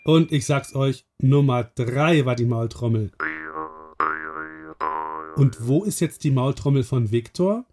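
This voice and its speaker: A man's voice: medium pitch, takes it slowly, long pauses. A male host who talks directly to young listeners and explains the puzzle. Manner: friendly, explaining.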